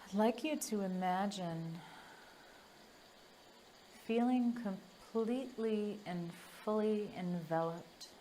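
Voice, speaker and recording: A woman with a medium-pitched voice leads a guided meditation, gentle and soothing, leaving long pauses between phrases. The recording carries a little hiss or hum.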